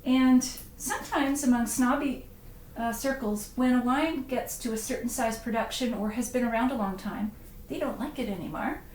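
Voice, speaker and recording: Middle-aged woman host, chatty and playful, slightly high voice, echoey room with faint hum. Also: moderate pace, darkish tone. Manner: chatty, punning, reads viewer comments aloud. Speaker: wine writer hosting a live stream. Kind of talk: casual live-stream wine tasting.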